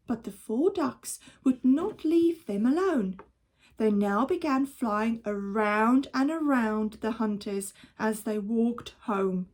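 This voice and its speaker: A teacher-like reading of a children's story comes from a woman whose voice is a little high, delivered in a measured and expressive way.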